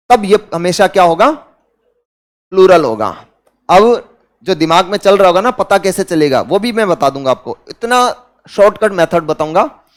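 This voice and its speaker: A man with an Indian accent giving a grammar lecture in a classroom, who asks his students questions and then answers them himself. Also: high-pitched. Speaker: English teacher.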